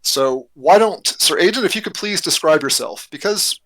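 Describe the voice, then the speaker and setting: Man, game master, tabletop narration, bright forceful tone, halting repeats. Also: fairly high pitch, expressive, low-quality recording.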